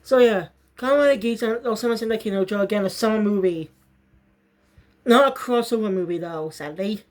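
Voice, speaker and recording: A woman's voice: medium pitch, fairly quick. Casual rambling woman reviewing a show. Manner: rambling, self-correcting, bursts into fits of laughter.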